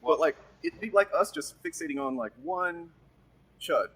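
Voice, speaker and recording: A man talking on a stream clip, rambling and halting as he explains himself. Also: on the high side, lively intonation, fairly bright tone, breathy edge, low-quality recording. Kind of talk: casual stream chat.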